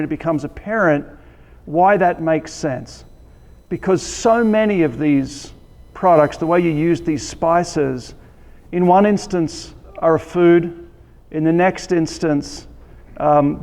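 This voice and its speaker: Man, Australian accent, conference talk, slightly high voice, long hall reverb. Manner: relaxed, joking, many ums and restarts. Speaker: conference speaker. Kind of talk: conference presentation.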